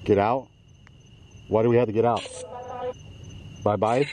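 A man hosting a casual ghost-hunting vlog at a cemetery, speaking calmly and asking questions of spirits. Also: measured pace, a little hiss or hum. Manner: asks questions of spirits, calm and low-key. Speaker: paranormal vlog host. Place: cemetery outdoors at night.

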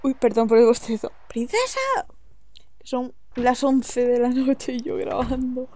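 Warm and a little high, this young Spanish-accented woman speaks at a measured pace in a level tone, with a faint hiss or hum in the audio. As a gaming video host she narrates gameplay casually, pokes fun at herself, swears informally and reads out in-game dialogue. Game music runs underneath.

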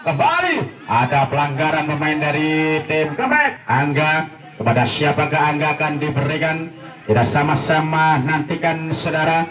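A man's voice: on the high side, fairly bright tone. Echoey male football commentator. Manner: repeats players' names. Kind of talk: live play-by-play commentary. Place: outdoor village football ground. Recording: echoey PA, distant, crowd noise. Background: crowd.

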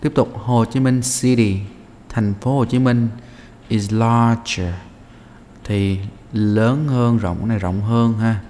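A man's voice: medium pitch, fairly even intonation, takes it slowly, a little mellow, in a large hall, a little hiss or hum. A male English teacher going through a practice test answer by answer, explaining step by step with many hesitant fillers. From Vietnam.

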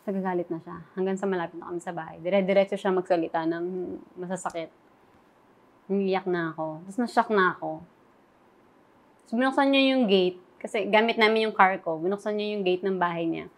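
A young adult woman, an interview guest, softly recounting a painful relationship story and quoting past conversations. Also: on the low side, fairly quick. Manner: soft, recounting quoted dialogue. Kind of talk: emotional personal interview.

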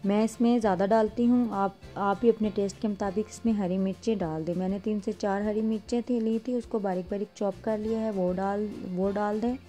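A woman's voice: medium pitch, steady tone, a little fast, hardly any pauses, warm tone, faint music behind. A woman hosting her cooking channel, explaining a simple recipe step by step. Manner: plain step-by-step instruction with restarts. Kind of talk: voice-over cooking tutorial.

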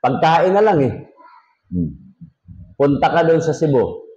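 A man's voice: on the high side, big pitch swings, a little slow, darkish tone, muffled recording. A man, a pastor, teaching a Sunday school Bible lesson in a joking conversational way, talking straight to his class. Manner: jokey, talks directly to the class.

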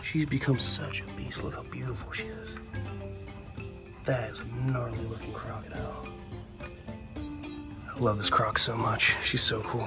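A man's voice: medium pitch, fairly even intonation, moderate pace, long pauses. Young man vlogging enthusiastically over music. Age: young adult. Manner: chatty and enthusiastic, slipping into playful pet talk with animals. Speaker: reptile keeper and vlogger. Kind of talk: casual handheld vlog narration to viewers. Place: outdoor enclosures at night, then a large metal-walled building. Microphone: handheld phone at arm's length.

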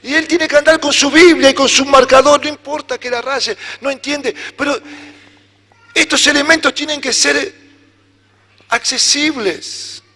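A man with an Argentine Spanish accent preaching a sermon as pastor, animated, acting out little dialogues. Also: extremely high pitch, a little slow. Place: church hall. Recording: church hall reverb.

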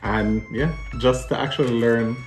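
Higher-pitched Jamaican man, casual explainer. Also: steady tone, unhurried, faint music behind, low-quality recording. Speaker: host quizzing a guest.

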